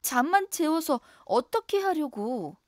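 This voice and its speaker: A woman's voice: high voice, sing-song, unhurried, no room sound, studio quality, voice pushed up. A woman voicing a young mistress in a voice drama, pouty and cutesy, with a whining manner. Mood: whiny. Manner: pouty, aegyo-style whining.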